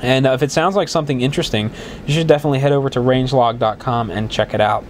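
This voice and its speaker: Steady in tone but fast-talking, a mid-range-voiced man rambles on his solo podcast, full of restarts and filler words. A head cold leaves him stuffy and slightly worn, and faint hiss or hum is audible.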